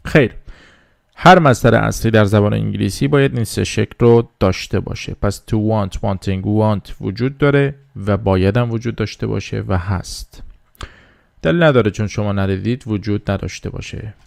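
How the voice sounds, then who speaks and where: Man, language teacher, gravelly, lowish voice, patient repetition. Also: darkish tone, dry recording, studio quality. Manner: slow drilling repetition of words, patient explaining. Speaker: English teacher. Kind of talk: beginner language lesson.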